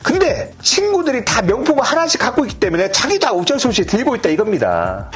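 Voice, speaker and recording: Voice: mid-range voice, wildly swooping pitch, fast. A fashion channel host giving an emphatic opinion monologue full of rhetorical questions and fillers.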